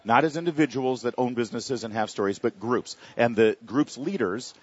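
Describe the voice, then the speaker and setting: A man on a political panel, pressing his point with rapid, repeated questions. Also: medium pitch, breathy edge. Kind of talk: panel discussion. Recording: dull lo-fi sound.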